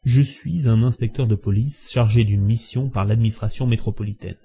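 A man's voice: lowish voice, moderate pace, mellow, breathy edge. A man reading aloud and voicing a calculating male police detective who speaks curtly and insists. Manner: curt, insistent. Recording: dull lo-fi recording.

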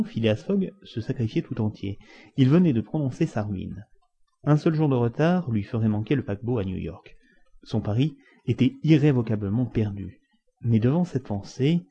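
A man's voice: medium pitch, lively intonation, moderate pace, warm tone. A man reading a classic novel aloud with dramatic, varied emphasis. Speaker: audiobook reader. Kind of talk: expressive scripted narration of a classic novel. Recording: dull lo-fi recording.

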